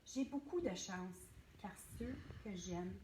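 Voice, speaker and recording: A woman reading a picture book as a sweet little boy telling what he loves, gently and softly. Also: mid-range voice, lively intonation, takes it slowly, roomy sound, slight background noise, pitched below the performer's own voice. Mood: tender.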